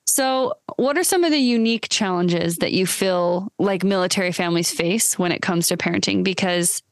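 A woman hosting a podcast, asking questions in a casual interview and answering with quick, affirming replies and easy laughter. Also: lowish voice, no echo. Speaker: podcast host.

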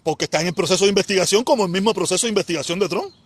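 A man's voice: high-pitched, rapid-fire, husky, no echo. A Cuban man hosting a livestream, arguing politics and repeatedly cutting in with "excuse me" to hold the floor. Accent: Cuban Spanish. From Cuba. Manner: keeps cutting in with repeated "permiso", argumentative. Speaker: livestream host. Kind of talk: heated political debate.

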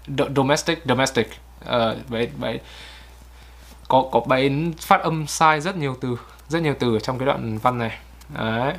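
A man chatting casually while he critiques recorded English reading, repeating words aloud to show how they should sound. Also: mid-range voice. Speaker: host reviewing pronunciation.

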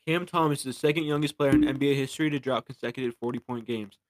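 A man's voice: mid-range voice, fairly even intonation, fast, no echo. A young man co-hosting a casual sports podcast, reading listener questions aloud and sometimes stumbling over the words. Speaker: podcast co-host.

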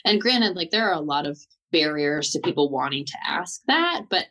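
Casual Southern Californian woman, slightly low voice. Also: animated, normal speed, sharp tone. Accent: Southern Californian, slightly Valley girl. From Southern California, United States. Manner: informal, peppered with "like" and "totally". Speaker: therapist, guest. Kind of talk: casual interview chat.

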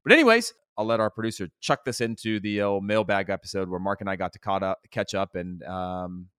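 An American man in his thirties chatting casually as a sports podcast host, often thinking aloud in a halting way. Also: fairly low pitch, animated, a bit bright, clear, resonant tone, dry recording, studio quality. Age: 30s. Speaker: podcast host, former national team soccer player.

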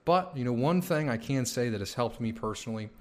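A man hosting a casual podcast interview, loose and relaxed, leaning on lots of "you know"s, talking around a sore tooth. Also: medium pitch, a little fast. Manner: relaxed, filler-heavy talk with many "you know"s. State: sore mouth from a tooth coming in. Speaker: podcast host.

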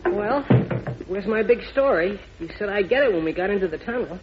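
A man playing an eager, naive young cub reporter in a 1940s radio drama, boyish and excitable. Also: sits high, brisk, loud music behind the voice. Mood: eager, curious. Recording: dull, noisy old radio recording.

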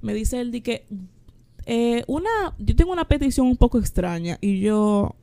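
A woman's voice: fairly high pitch, expressive, normal speed, vocal fry, dark tone. A young adult woman, a podcast guest who tells funny anecdotes expressively and quotes herself. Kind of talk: casual chat.

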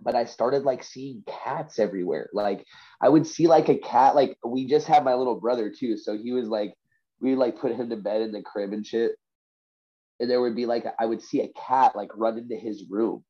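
A mellow, medium-pitched man speaks at normal speed over a muffled recording. He's a podcast guest from Vancouver, a hobby rapper and poet, congested and sick with a covid cold, casually chatting and telling personal stories with plenty of dude, bro and you know.

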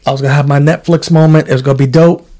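A man hosting a podcast, a former state trooper telling work stories in a casual, animated way and acting out the people in them. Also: a little high, very fast. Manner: animated, acts out voices in his stories. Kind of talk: casual storytelling chat.

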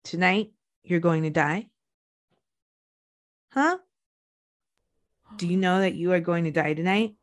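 Brief: woman quoting a grim, slow-talking father, lowish voice. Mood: menacing. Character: stern threatening father, middle-aged man.

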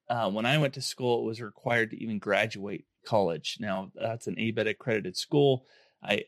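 Hoarse man hosting a casual podcast. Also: fairly low pitch, dry recording, clean studio sound. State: hoarse, under the weather. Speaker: podcast host. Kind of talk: casual podcast talk to listeners.

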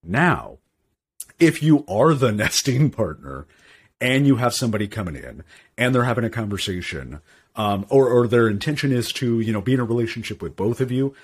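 A man co-hosting a podcast, explaining ideas in casual chat with an animated, thoughtful manner. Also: mid-range voice, moderate pace, slightly rough. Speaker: podcast co-host.

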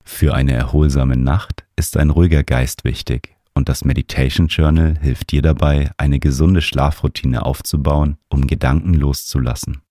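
A man narrates a guided sleep meditation in a soothing, calm manner, like a sleep-story narrator. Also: a bass voice, no echo, studio quality. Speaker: meditation guide and show host.

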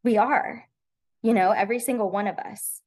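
A woman voicing her middle-aged mother, who speaks quietly and acceptingly about dying. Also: mid-range voice, fairly even intonation, moderate pace, lightly acted. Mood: serene. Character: calm, serene middle-aged mother facing death.

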